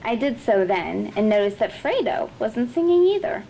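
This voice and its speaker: A woman's voice: a little high, big pitch swings, normal speed, vocal fry, dark tone, a little hiss or hum, rough recording. Woman reading her fiction aloud. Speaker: author. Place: literary festival event.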